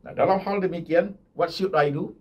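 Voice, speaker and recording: An older man preaching a sermon as pastor, his voice husky, going from low murmurs to loud emphatic repeated lines and dropping in English words. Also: normal speed.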